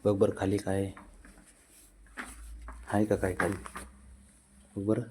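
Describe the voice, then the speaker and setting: A man's voice: low voice, monotone, measured pace, dark tone, a little hiss or hum. A man at home coaxing his sulking pet cat, calling it again and again and pleading with it to get up. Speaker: pet owner.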